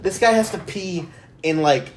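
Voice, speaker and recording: A man's voice: high voice, moderate pace, a little hiss or hum. A man co-hosting a casual chat, blunt and argumentative, given to crude joking.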